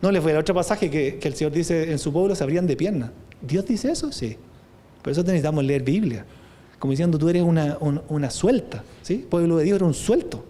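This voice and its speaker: A man's voice: a little high, animated, a little fast, warm tone. A man with a Chilean Spanish accent preaching a sermon, talking in a conversational way with many rhetorical questions and reading scripture aloud with rising force. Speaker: pastor.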